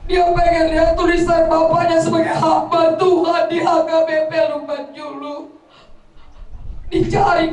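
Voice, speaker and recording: A middle-aged woman from North Sumatra delivers a eulogy for her parent at a funeral gathering, sharing heartfelt family stories and quoting relatives. Her voice is high-pitched with a dark tone. Recorded far off the mic in an echoey room, with slight background noise.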